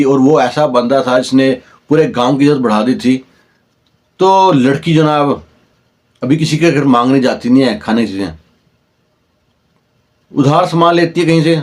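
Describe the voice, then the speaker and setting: A man with a Pakistani Urdu accent recounts a folk tale in a relaxed, conversational storytelling voice at a mid pitch. He slips briefly into the voices of the people in the story as he goes. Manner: conversational, acts out dialogue in the telling. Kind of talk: oral storytelling.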